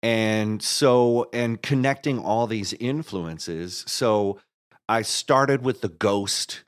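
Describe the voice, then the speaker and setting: A man appears as an interview guest to talk casually about the audio musical he wrote and directed. He rambles, thinks aloud, and keeps restarting his sentences with false starts, speaking slowly in a lowish voice with a clean tone.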